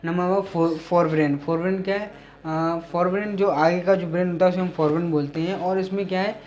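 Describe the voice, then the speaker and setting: A man teaching a biology lesson. He reads English definitions out slowly, then explains them in Hindi with many pauses and fillers. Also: sits high, fairly even intonation, a little mellow, muffled recording. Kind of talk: classroom lecture explaining biology.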